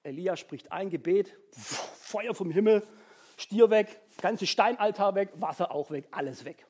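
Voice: mid-range voice, a little slow. A preacher retells a Bible story in a chatty sermon and keeps asking "ja?" to check in with listeners. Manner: chatty, tags nearly every sentence with a questioning "ja?"; animated storytelling with sound-effect sighs.

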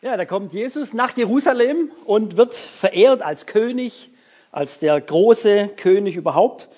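A man's voice: high voice, animated, measured pace, mellow. A man giving a casual sermon to young people as their youth leader, chatty and full of fillers and tag words.

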